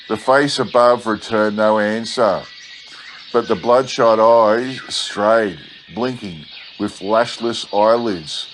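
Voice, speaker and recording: Male, low-pitched, laconic drawl, slow scripted story narration, birdsong and noise behind. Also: poor audio. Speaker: audiobook reader. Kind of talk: scripted narration of an old bush adventure story. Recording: clear steady background noise.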